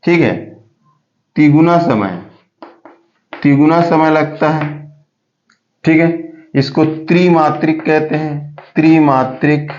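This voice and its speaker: A man teaching a grammar lesson. He repeats each point and keeps checking with the class whether it is clear. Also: fairly high pitch, a little mellow. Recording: echoey room, dull lo-fi sound.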